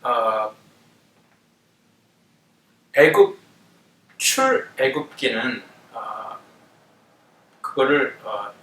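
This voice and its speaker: A man leads a Bible study lesson, explaining passages and maps at an even, mid-range pitch. He pauses often with fillers while he gathers his words. He sounds a little away from the mic, in a roomy space. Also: far from the mic, slight background noise. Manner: explanatory, with frequent fillers and hesitations.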